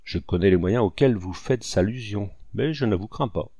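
A man's voice: lowish voice, normal speed, dark tone, slightly rough, no echo. A man playing a haughty English agent. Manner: haughty, stiff.

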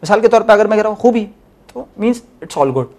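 A man teaching a Farsi class, drilling syllables slowly and explaining in a mix of Urdu and English. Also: high voice, expressive, a little mellow. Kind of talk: language lesson.

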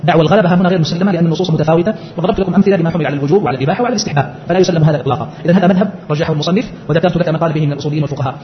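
A man explains a scholarly text at a very fast clip, raising questions and answering them himself. His voice sits a little high, and the recording is dull and lo-fi with a faint hiss behind it. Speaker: teacher. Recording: muffled lo-fi lecture recording.

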